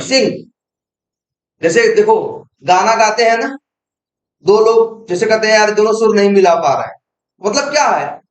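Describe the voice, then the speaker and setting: A man with a very high voice walks through a coding lesson, tossing out questions and answering them himself. He speaks in a roomy space with a clear echo around him. Casual and teacherly. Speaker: programming teacher.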